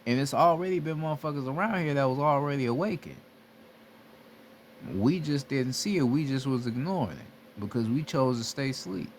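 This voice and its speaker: In a casual motivational monologue, a spiritual teacher speaks at medium pitch and normal speed over a slight hiss or hum. He is blunt and repetitive, swearing heavily as he tells listeners to wake up.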